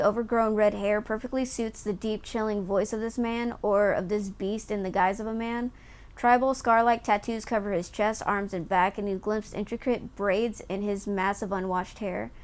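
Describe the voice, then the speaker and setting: A woman's voice: medium pitch, steady tone, measured pace. A woman game streamer reading on-screen story text aloud and chatting in an amused way as she explains it. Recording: faint background noise.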